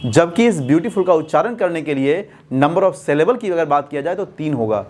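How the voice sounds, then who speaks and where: A male English teacher gives a classroom lesson in a voice that sits on the higher side for a man. He keeps asking his students questions and then answering them himself, and he slows down to a steady dictation pace whenever he spells out a word. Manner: slow, deliberate dictation when spelling out words. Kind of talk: classroom-style lesson explanation.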